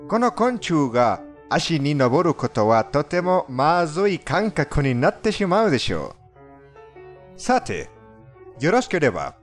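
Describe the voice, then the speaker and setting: Background music accompanies a fandub narrator of a countdown video, a lively man with a high voice and a non-native Japanese accent. He delivers scripted narration of creepy countdown stories.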